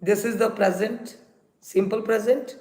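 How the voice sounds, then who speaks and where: A woman's voice: medium pitch, fairly even intonation, a little slow, mellow. A woman with an Indian accent teaching English grammar on a live stream, instructive and repeating examples and rules for her students. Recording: roomy echo, faint noise and clicks.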